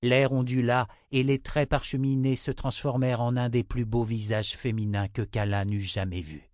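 A man narrating a dark fantasy audiobook in a steady, measured way. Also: mid-range voice, dry recording, clean studio sound.

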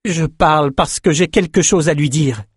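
A man voicing a gentle young male swordsman, earnest and pleading, in a storybook reading. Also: on the high side, moderate pace, husky, no room sound, clean studio sound, pitched above the performer's own voice.

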